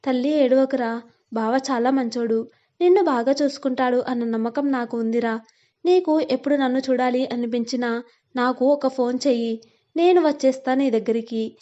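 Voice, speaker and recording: A woman voicing a gentle, loving middle-aged father who reassures his daughter, in a storybook reading. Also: high voice, moderate pace, highs cut off, close to an everyday voice. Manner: soothing, reassuring.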